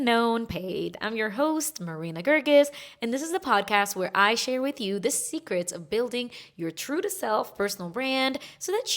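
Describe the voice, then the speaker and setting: A woman from Egypt, raised in Kuwait, hosting her own podcast in a chatty, quick, emphatic way. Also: fairly high pitch. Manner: chatty, fast-talking with lively emphasis. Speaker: podcast host. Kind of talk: solo podcast talk.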